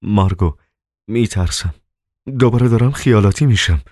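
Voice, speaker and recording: Man doing a sick frightened writer, weak, fearful, deep dark voice, dry. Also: no echo, lightly acted.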